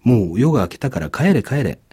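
A man's voice: mid-range voice, sing-song, brisk, warm tone, breathy edge. Man doing a grave, kindly stone guardian. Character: kindly elderly male stone guardian statue.

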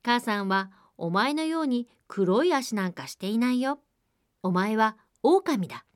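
A woman's voice: a little high, sing-song, a little slow, dry recording, studio quality. A woman voicing a group of young goat kids in a storybook, talking in a bold, childish way. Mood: defiant.

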